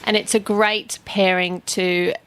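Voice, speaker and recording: An upbeat female beer expert walks through her beers with easy knowledge. Her voice sits at a middle pitch, chatty and clear. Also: level tone, slow pace, a bit bright. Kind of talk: casual radio chat.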